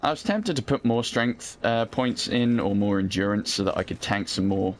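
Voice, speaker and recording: British male let's play host: deeper voice, wry, sweary, offhand, over audible game sound. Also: normal speed, slight background noise. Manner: sweary, dry, wry understatement. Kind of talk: casual gameplay commentary. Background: video game sound.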